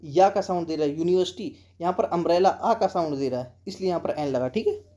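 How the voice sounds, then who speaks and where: A man with an Indian accent teaching an exam-prep English lesson, reading English sentences out slowly and often checking with students. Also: a little high, dark tone.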